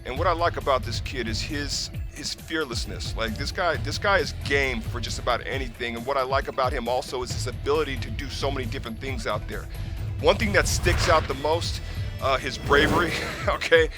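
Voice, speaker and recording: Color commentator, male, medium pitch, emphatic analysis of live basketball with music playing underneath. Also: fairly quick.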